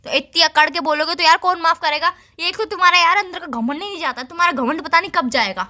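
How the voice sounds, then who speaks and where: A woman's voice: extremely high pitch, fast talker, pushed and bright. A young woman scolding her boyfriend in casual, argumentative banter. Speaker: girlfriend on a call.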